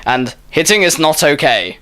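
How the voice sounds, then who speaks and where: Man doing a shrill, indignant snake. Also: very animated, normal speed, sharp tone. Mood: sulky. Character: grumpy sleepy male snake guarding his food.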